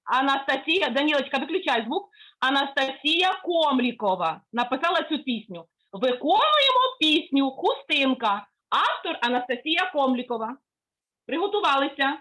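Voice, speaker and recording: Very high-voiced woman teaching children. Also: big pitch swings, normal speed, poor audio. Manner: coaxing, praising, gently instructive. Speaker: music teacher. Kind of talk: online music lesson for children. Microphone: video call.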